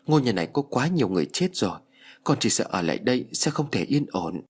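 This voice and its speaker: A man's voice: mid-range voice, big pitch swings, fast talker, husky. A man voicing a frightened, tearful young widow in an audiobook ghost story. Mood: fearful. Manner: tearful, fearful storybook dialogue.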